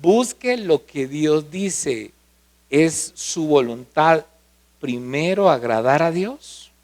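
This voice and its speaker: A man's voice: on the high side, animated, slow. A male pastor preaching a sermon, often asking the congregation questions.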